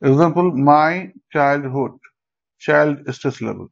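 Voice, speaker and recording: Slow-explaining male teacher, lo-fi sound. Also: on the high side, vocal fry. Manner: slow, step-by-step, checking in with students. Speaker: English teacher. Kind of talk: explanatory lesson. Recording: dull lo-fi sound.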